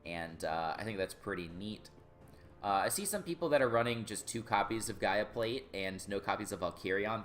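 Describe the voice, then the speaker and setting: Low-voiced man casually explaining a deck. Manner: relaxed, many uh fillers, explains card combos. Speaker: gaming YouTuber.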